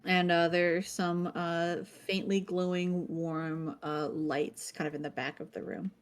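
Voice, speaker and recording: A woman serving as game master, describing scenes in a halting, casual way with many ums and likes. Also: lowish voice, level tone, smooth, soft background music. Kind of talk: improvised scene narration.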